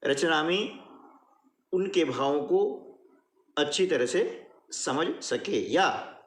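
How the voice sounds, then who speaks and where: Slow, lively-pitched male teacher. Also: echoey room. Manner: patient, repeats and checks in with the listener. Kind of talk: explaining a grammar lesson.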